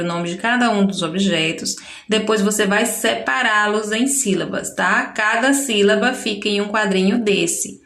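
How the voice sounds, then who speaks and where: Brief: Brazilian woman teacher, slow and patient, a bit of vocal fry, in an echoey room. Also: medium pitch, fairly bright tone. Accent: Brazilian Portuguese. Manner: patient, explaining step by step, sounding out syllables. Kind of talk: recorded lesson walkthrough.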